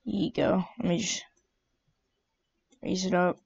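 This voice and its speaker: A woman's voice: on the low side, fairly even intonation, unhurried, gravelly, a little mellow, slightly rough, no room sound. A woman giving chatty, exasperated running commentary over her own gameplay. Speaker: gamer. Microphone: own desk mic. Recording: dull lo-fi home mic.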